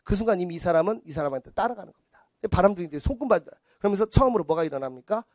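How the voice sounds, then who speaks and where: A man in his forties gives a lecture in a classroom, blunt and teasing, jumping into quick acted scenes. His voice sits high and moves widely, and the sound is dry with no room echo. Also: expressive, a little mellow. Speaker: math lecturer.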